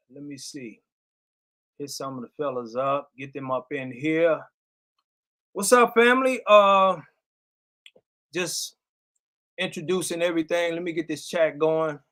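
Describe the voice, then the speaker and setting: A man hosts his own live stream from a music studio, chatting in a loose, rambling way full of fillers. His voice sits a little high for a man. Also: bright, forceful tone. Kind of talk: casual live stream chat.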